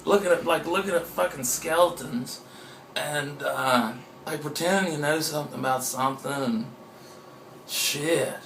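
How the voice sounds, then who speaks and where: A man's voice: fairly high pitch, measured pace, fairly bright tone, a little hiss or hum. A man, an author being interviewed, talking in a meandering, profane and self-mocking way. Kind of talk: casual rambling interview talk. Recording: roomy echoey room.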